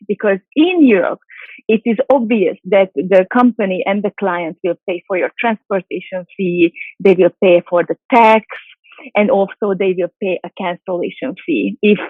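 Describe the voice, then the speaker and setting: A Hungarian-native model and actress with a medium-pitched voice answers interview questions chattily, with many fillers, restarts and light laughs. The audio has no echo but sounds dry and tinny, like a phone call.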